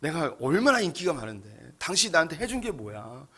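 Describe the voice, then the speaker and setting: A man's voice: fairly high pitch, sing-song, brisk, bright, forceful tone, husky, full character voice. A male pastor voicing a boastful unfaithful wife who taunts her husband. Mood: boastful scorn. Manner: bragging, taunting.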